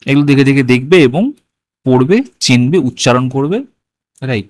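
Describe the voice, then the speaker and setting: A man's voice: mid-range voice, animated, moderate pace, a little mellow, no echo. A male teacher walks through a primary school textbook in mixed with English, often checking "right?". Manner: explains in Bengali mixed with English words, often asks "right?". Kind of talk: walking through a textbook lesson.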